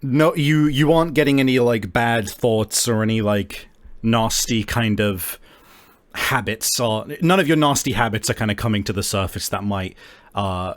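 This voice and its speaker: A man with a lowish voice, speaking at a moderate pace, hosts a show and narrates a tabletop game as its game master. He's chatty and casual, often hesitating and rephrasing as he goes.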